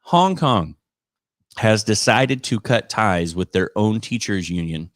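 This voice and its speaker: A man's voice: fairly low pitch, lively intonation, slow, no echo, clean studio sound. A man giving casual live commentary on education news as a podcast host, in an exasperated, sarcastic way. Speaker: teacher hosting a podcast.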